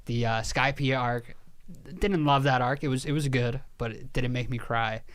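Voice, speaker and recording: A man co-hosting a podcast in casual chat, telling a story with lively energy, swearing casually and laughing at himself. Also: medium pitch, normal speed. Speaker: podcast co-host.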